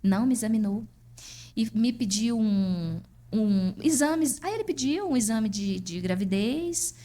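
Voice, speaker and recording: A Brazilian woman, a podcast guest, telling a personal story in a lively way and acting out what people said. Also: on the high side, a little slow. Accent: Brazilian Portuguese. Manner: lively, acts out dialogue in her stories. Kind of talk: personal storytelling in casual chat.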